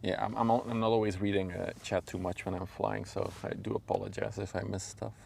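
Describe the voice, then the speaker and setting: A Belgian man, a native Dutch speaker with a Flemish accent, livestreams from a riverbank as a drone pilot, giving easygoing, rambling commentary and casual chat. His voice is fairly low, level, fairly quick, gravelly and a little mellow, with faint outdoor noise in the background.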